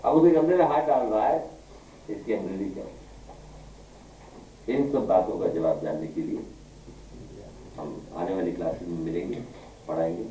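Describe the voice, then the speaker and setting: Dark-voiced teacher in echoey classroom. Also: male voice, deep voice, normal speed, pauses often, slight background noise. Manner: questioning, quizzes students, scolds the class. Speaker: English teacher. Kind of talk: classroom lecture in Hindi with English terms. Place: classroom with students. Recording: echoey room, far from mic.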